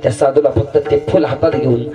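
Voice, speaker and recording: A man's voice: medium pitch, fairly even intonation, fairly quick, dull audio. A man preaching a kirtan, telling a story in a swooping sing-song voice and repeating lines back to the crowd. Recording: distant mic with faint music.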